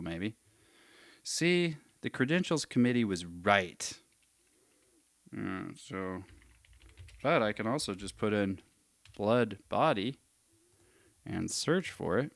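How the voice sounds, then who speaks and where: With a lowish, creaky voice and no echo in the recording, a man hosts a live session answering viewer questions. He casually thinks out loud and reads lengthy passages with emphasis.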